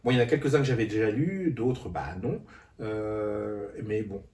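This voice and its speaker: A man's voice: on the low side, moderate pace, darkish tone. Hesitant man in a roomy echo. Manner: hesitant, many fillers and restarts. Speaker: book vlogger. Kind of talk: casual book haul vlog. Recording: roomy echo, a bit far from the mic.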